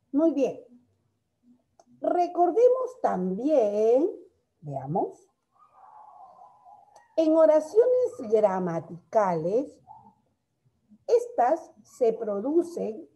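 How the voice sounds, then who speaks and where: Woman teacher, warm mellow tone, fairly high voice, affectionate, asks rhetorical questions. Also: dull audio. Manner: affectionate, calls pupils "my loves"; slow and explanatory, with frequent rhetorical questions. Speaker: primary school teacher. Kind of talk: recorded grammar lesson for children.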